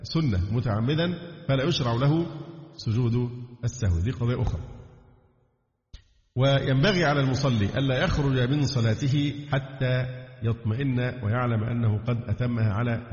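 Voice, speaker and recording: A man with an Egyptian accent teaching Islamic jurisprudence, reading from a text and adding colloquial explanations with pauses and fillers. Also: medium pitch, darkish tone. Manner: reads a text aloud, then breaks off into colloquial asides with hesitations. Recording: echoey hall, dull lo-fi sound.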